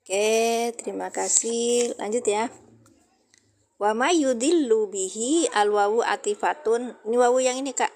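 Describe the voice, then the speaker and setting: A woman's voice: fairly high pitch, measured pace, darkish tone. A woman teaching Quranic Arabic grammar in a casual livestream, chatting with viewers' comments.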